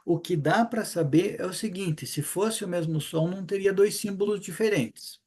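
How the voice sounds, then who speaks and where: A man's voice: high-pitched, normal speed, darkish tone, breathy edge. Chatty Brazilian man teaching a class. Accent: Brazilian Portuguese, southern (Paraná). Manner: chatty, informal, rhetorical questions and frequent "né?". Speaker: Hebrew teacher. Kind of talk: casual online class lecture.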